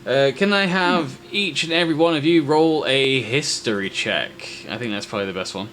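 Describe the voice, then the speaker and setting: Man narrating a tabletop game, halting phrases. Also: mid-range voice, a bit bright. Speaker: game master. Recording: faint background noise.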